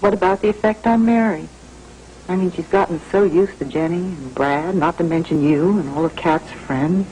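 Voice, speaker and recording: An actress in a 1980s TV soap playing a worried, loyal wife of a football player who talks in an earnest, chatty way. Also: female voice, lowish voice, normal speed, mellow, soft background music, natural voice, rough recording. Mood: concerned. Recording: old TV recording with faint hiss.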